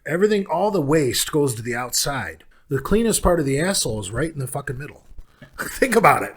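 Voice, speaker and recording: A man with a slightly raised voice tosses out crude jokes and laughs loudly through casual podcast banter. His talk jumps between brash boasts and quick asides. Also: a little high, sing-song, husky. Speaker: podcast guest.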